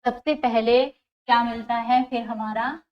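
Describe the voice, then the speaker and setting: A woman's voice: a little high, fairly even intonation, measured pace. A woman teaching an exam-prep lecture, explaining step by step, repeating key terms and asking and answering her own questions. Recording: dull lo-fi sound.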